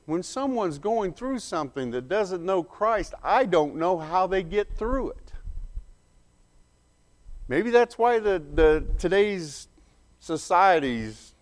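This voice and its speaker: Slow, clear-voiced male preacher. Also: sits high. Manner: earnest, emphatic, with pauses and self-corrections. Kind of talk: sermon.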